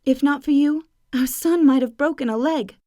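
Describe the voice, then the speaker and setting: A woman voicing a fussy, proper dog mother with a prim, slightly shrill manner. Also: moderate pace, warm tone, dry recording, studio quality, lightly acted. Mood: gracious.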